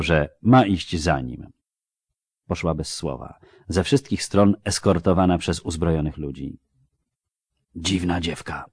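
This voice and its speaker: A man with a deep, low voice reads a fantasy audiobook in measured, dramatic phrasing. The recording is dry and close, with no room sound. He paces the tale steadily. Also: a little mellow, no room sound. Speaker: audiobook narrator. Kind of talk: scripted fantasy narration.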